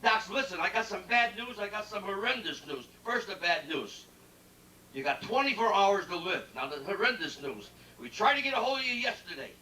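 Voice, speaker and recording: A man doing a stand-up comedy routine in a ship's cabaret lounge, telling jokes in a brash, rapid-fire way and teasing the audience. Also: sits high, lively intonation, pushed and bright, slight background noise. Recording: echoey lounge recording from far off with band music.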